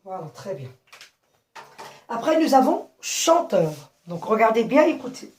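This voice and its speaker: Slow, distant teacher woman in echoey room. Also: on the high side, big pitch swings, darkish tone, slight background noise. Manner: slow, clear, repeats and spells words out, checks with "d'accord?". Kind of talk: classroom phonics lesson to children.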